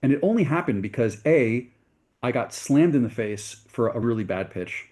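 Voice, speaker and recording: Earnestly sharing his story as an interview guest, this middle-aged US venture capitalist corrects himself as he speaks. His medium-pitched voice is animated and darkish, delivered at a normal speed.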